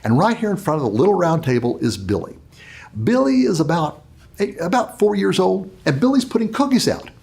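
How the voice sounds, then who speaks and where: Animated, gravelly-voiced male speaker. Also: high-pitched, a little fast. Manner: animated, dramatic storyteller. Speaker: host, leadership speaker. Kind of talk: motivational talk with storytelling.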